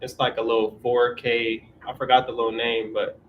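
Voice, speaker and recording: A man's voice: medium pitch, flat delivery, normal speed, dull audio, a little hiss or hum. A man in his twenties hosting a casual live stream Q&A, talking in a laid-back way, reading viewer questions and giving relationship advice. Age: 20s. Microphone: camera on auto-tracking mount.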